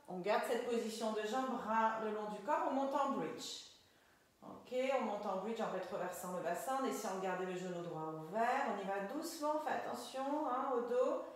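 Calm woman cueing Pilates in an echoey room. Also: on the high side. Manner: calm, gentle step-by-step cueing with frequent "ok?". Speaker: Pilates instructor. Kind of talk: guided exercise class.

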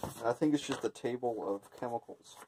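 A man's voice: mid-range voice, brisk, mellow, a little hiss or hum. A man giving a casual, unscripted hands-on product review, thinking aloud in a hesitant way. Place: indoor room with tiled floor.

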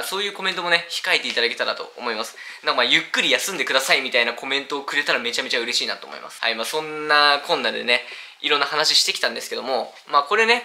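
A man's voice: mid-range voice, sharp tone. A young man talking unscripted to his viewers, rambling with many fillers, earnest and apologetic. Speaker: YouTuber announcing a hiatus. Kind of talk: unscripted talk to camera.

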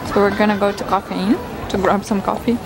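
Excitable young woman with a gravelly voice. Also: mid-range voice, fast talker, heavy background noise. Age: young adult. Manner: excitable, gushing over finds. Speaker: vlogger. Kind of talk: casual vlog narration. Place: shops and streets of a city, indoors and out. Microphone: handheld camera mic.

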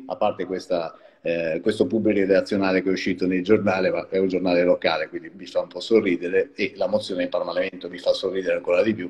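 A man's voice: sits low, darkish tone, big-room sound. A man, founder of a small wine company, explaining his business in a chatty live-stream interview and laughing often. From Liguria.

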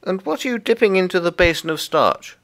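Storybook little girl voiced by a man: high-pitched, animated, curious, eager, full of questions. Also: fairly quick. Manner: wide-eyed, questioning, breathlessly eager. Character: curious, frightened-then-delighted little girl. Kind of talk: storybook character voice.

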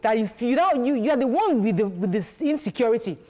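A middle-aged woman hosts a studio talk panel, animated and quick to act out the voices she quotes. Her delivery is casual and conversational, picked up on a lapel mic in a TV studio. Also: a little high. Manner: animated, gestures while talking, acts out quoted voices. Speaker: talk show host. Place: TV studio set.

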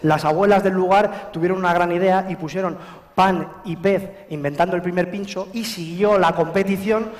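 A man from Spain performing a live stand-up monologue, telling a story in a lively way and acting out the quotes, on a stage mic. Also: high-pitched, normal speed. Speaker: comedian. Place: stage of a large auditorium at a live gala. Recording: long reverb of a large auditorium.

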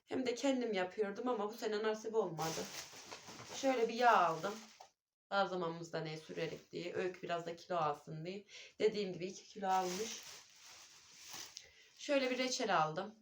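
A woman's voice: mid-range voice, normal speed, pauses often, a little hiss or hum. A woman and mother chatting casually to her viewers at home on a phone camera, calling them her dear friends. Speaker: vlogger and mother. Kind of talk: casual home vlog chat. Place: at home indoors.

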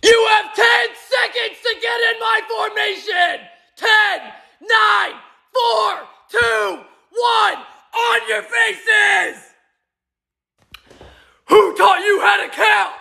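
A woman's voice: very high voice, gravelly, sharp tone, raised voice, a faint crowd. Woman barking drill sergeant orders. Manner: slow, barked commands. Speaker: TikTok creator doing drill sergeant quotes. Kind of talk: shouted drill sergeant impression.

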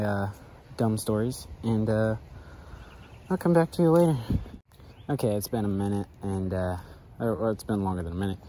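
With a fairly low, dark-toned voice, a young adult man rambles in a laid-back way as he fishes outdoors from a backyard dock on a canal, his running commentary loose with fillers. He's a fishing vlogger shooting on a head-mounted camera, and the audio has a little hiss or hum.

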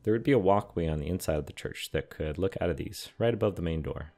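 Over soft background music, a scale model and terrain builder with a deep, gravelly voice delivers scripted voice-over about a build at a quick pace. His manner stays calm, explanatory and matter-of-fact.

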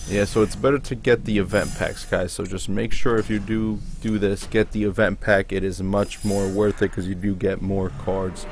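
A man's voice: fairly low pitch, flat delivery, moderate pace, vocal fry, few pauses, a little hiss or hum. A man hosting a gaming video with casual commentary, reacting aloud to what appears on screen.

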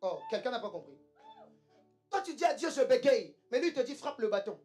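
A woman's voice: a little high, very animated, fairly quick, a little mellow, soft background music. A woman preaching a sermon with emphasis, repeating lines and calling the congregation to say them back. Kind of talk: church sermon.

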